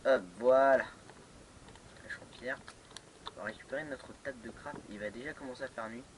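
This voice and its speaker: A man's voice: medium pitch, moderate pace, slight background noise, low-quality recording. A man giving casual let's play commentary on a modded game, hesitant, with many fillers and restarts. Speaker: gamer playing a modded block-building game.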